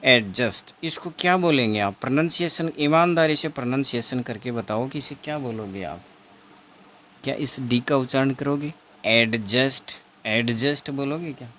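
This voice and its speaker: A man teaching phonetics for an exam, slowly repeating each word and quizzing his viewers. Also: medium pitch, a bit bright, a little hiss or hum. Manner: slow, repeats words over and over, quizzes the viewer. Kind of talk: exam-prep phonetics lesson.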